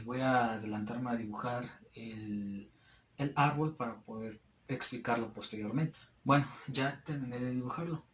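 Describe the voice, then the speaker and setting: A man's voice: medium pitch, a little hiss or hum. A young man, a student, explaining a topic at a board in a hesitant, filler-heavy way. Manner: hesitant, frequent fillers and restarts. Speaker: student presenter. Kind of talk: classroom explanation at a whiteboard. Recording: echoey room.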